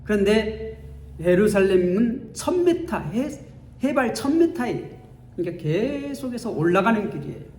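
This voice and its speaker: A man's voice: high-pitched, sing-song, unhurried, darkish tone. A male pastor giving a Sunday sermon in a church, telling the story dramatically and acting out its scenes. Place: church sanctuary. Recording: echoey church hall.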